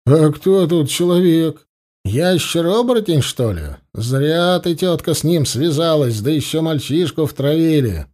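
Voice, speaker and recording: A man voicing Tugan, a stern, threatening village man who shouts and mocks. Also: on the high side, lively intonation, unhurried, voice pushed up. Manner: loud, mocking, threatening.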